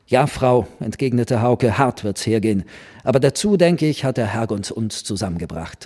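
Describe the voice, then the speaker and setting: A man reading a classic story aloud, acting out the dialogue with expression. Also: mid-range voice. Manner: expressive, voices the characters. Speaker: reader. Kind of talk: literary reading with acted dialogue.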